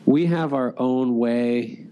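Slow and mellow, with a mid-range voice, this man is a sales executive being interviewed casually. His speech is loose and full of fillers, especially "like," and he often starts over.

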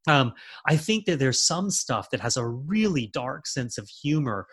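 Male author guest, mid-pitched, loose and rambling with frequent fillers. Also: very animated, measured pace, fairly bright tone, husky. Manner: rambling, many fillers and restarts. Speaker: author and screenwriter. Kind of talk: casual interview talk.

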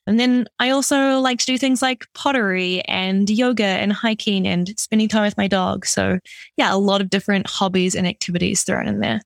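A woman's voice: mid-range voice, fairly even intonation, normal speed, gravelly, dry recording. Upbeat young woman w a new zealand accent, chatty guest, lots of "like", dry close sound. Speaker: guest product designer. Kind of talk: conversational interview.

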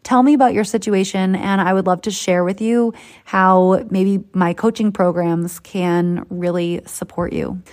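A woman's voice: mid-range voice, steady tone, unhurried, darkish tone. A woman from Boston hosting a podcast as a coach, talking in a chatty, upbeat and persuasive way. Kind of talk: motivational podcast monologue.

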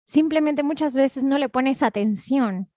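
A woman's voice: high-pitched, measured pace, dark tone. A woman in casual conversation who adds short remarks and agrees. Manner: brief agreeing interjections.

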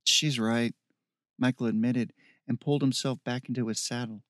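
A man narrating a story in a steady, measured reading. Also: medium pitch, no room sound, studio quality. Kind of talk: audiobook narration.

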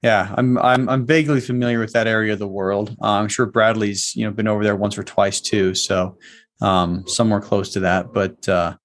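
A man's voice: fairly low pitch, flat delivery, moderate pace. A man hosting a casual interview, upbeat in tone and rambling with many fillers. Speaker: podcast host.

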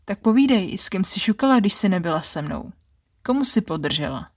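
A woman voicing a domineering, rough ex-lover who gives harsh commands in an erotic audio story. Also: mid-range voice, sing-song, a little mellow, no echo, clean studio sound. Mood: commanding.

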